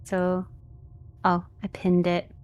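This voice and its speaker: A woman's voice: lowish voice, completely flat delivery, slow pace, a little mellow, dull audio. A woman streaming a game, chatting casually with a playful, sarcastic edge. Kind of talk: casual live-stream chat and game commentary.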